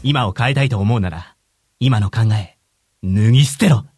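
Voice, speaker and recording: Woman doing a low, stern ad narrator. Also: moderate pace, music in the background. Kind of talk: dramatic ad voice-over.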